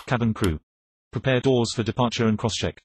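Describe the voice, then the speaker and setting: A man's voice: mid-range voice, fairly quick, a little hiss or hum, voice pushed down, natural voice. A man voicing an airline pilot calling out crew orders and radio requests, terse and procedural.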